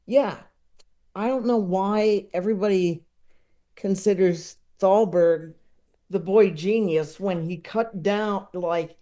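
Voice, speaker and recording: A man with a high-pitched but dark-toned voice joins a podcast as a guest who loves comedy. Talking films in a relaxed, opinionated way, he picks apart his favorites analytically and frequently hesitates while working through his thoughts.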